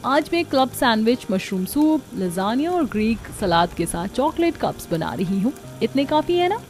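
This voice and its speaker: A stubborn young daughter-in-law from a cartoon story talks back sassily in a high voice, acted by a woman. She turns pouty and sweet whenever it helps her. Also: sing-song, normal speed, a little mellow, faint music behind.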